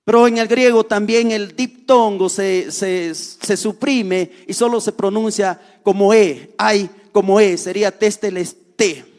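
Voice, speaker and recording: A man preaching a sermon as pastor, earnest, repeating key phrases slowly for stress. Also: sits high, steady tone, a little mellow, in a large hall.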